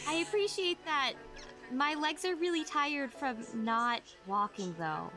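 A woman's voice: high voice, lively intonation, takes it slowly, music in the background. A woman voicing a dreamy, spacey young princess in a comedic fan dub, airy and rambling. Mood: ditzy.

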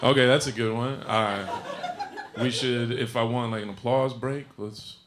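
A man's voice: medium pitch, fairly even intonation, moderate pace. A man doing a stand-up set on a comedy club stage, bantering with the crowd in a dry, sarcastic way. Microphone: stage microphone. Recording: live album, loud crowd noise. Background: audience laughter.

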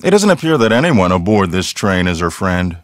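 A low-pitched male actor with big pitch swings talks a little fast in a dry studio recording. Playing a self-assured, earnest ghost hunter in a mystery game, he lays things out conversationally and matter-of-factly, with a wry, measured mood.

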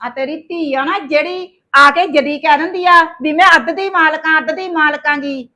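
A woman's voice: high voice, moderate pace, pushed and bright. A woman acting a nagging mother-in-law in a village short drama, complaining and scolding. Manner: nagging, complaining, grumbles to herself.

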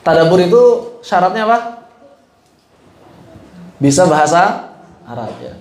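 A man teaching a Quran recitation class in a relaxed, conversational way, often putting questions to his students. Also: high-pitched, a little slow, echoey room. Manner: asks the class questions, mixes casual speech with chanted Arabic. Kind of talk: informal religious lesson.

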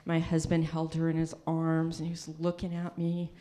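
A middle-aged woman doing stand-up, telling a family story in an animated way with chatty asides. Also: deep voice, moderate pace. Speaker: stand-up comedian.

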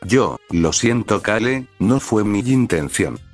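Man voicing a fiery protective older sister, low, dry, faint music under. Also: expressive, slow pace. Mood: remorseful. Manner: angry, shouting, scolding. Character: hot-tempered protective older sister, brash woman.

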